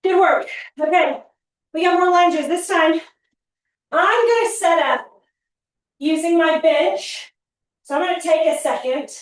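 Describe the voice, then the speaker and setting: A woman's voice: very high voice, a little slow, long pauses. A woman fitness trainer leading a home workout class, counting reps and giving upbeat cues while she gets out of breath. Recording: very echoey room, mic at a distance.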